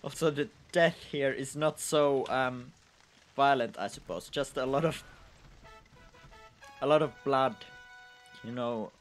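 A man's voice: medium pitch, slow pace, pauses often, soft background music. A man giving casual let's-play commentary, rambling and hesitant, often apologizing and losing his thread. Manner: rambling, hesitant, self-deprecating. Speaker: gaming video host.

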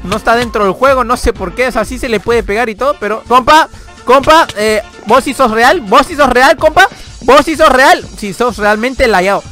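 A man's voice: very high-pitched, moderate pace, pushed and bright, faint music behind. A young man giving playful, hyped gameplay commentary as a channel host. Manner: playful, hyped, jokey banter at players.

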